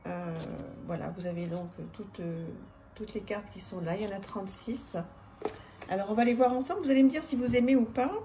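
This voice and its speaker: A woman's voice: mid-range voice, fairly quick, slight background noise. A woman casually showing an oracle card deck, chatty with many hesitations. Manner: chatty, warm-hearted, many fillers. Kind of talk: casual product presentation.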